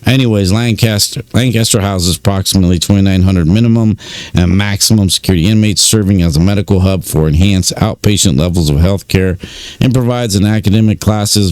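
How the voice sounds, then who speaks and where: Deep-voiced man casually recapping records. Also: darkish tone, no echo. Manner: conversational, many fillers, informal phrasing. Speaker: YouTube commentator on prison news. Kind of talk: casual commentary reading records.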